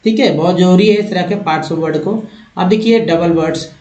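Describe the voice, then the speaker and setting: Guy teaching english sounds, fairly high voice, rattles off letters like a chant, echoey room. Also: brisk, darkish tone, muffled recording. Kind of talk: spelling drill lesson.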